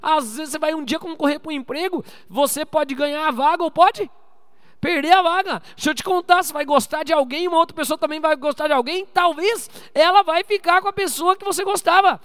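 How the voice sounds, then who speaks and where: A man with a strikingly high voice preaches to his church. He calls out for amens and swings from loud, pressing exhortation down to low, quiet asides. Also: fairly quick, big-room sound. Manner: preaching with call-and-response to the congregation. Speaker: pastor. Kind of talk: sermon.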